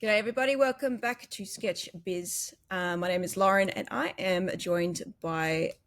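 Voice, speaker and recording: A woman's voice: mid-range voice, normal speed. A woman with an Australian accent hosting a casual interview, chatty, laughing easily and using plenty of fillers. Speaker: podcast host.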